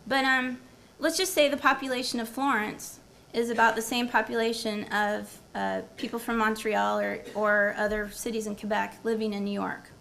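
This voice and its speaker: Gravelly-voiced woman giving an academic talk. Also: a little high, flat delivery, normal speed, a bit bright, slight background noise. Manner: engaging, quizzes the audience and repeats their answers. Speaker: university professor presenting at a symposium. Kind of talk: academic presentation with audience quiz. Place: lecture room before a live audience.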